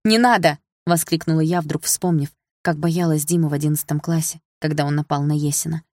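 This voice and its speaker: A woman narrates a first-person audiobook in a calm, reflective way. Her voice sits low, and the recording is dry and close. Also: fast talker, no echo.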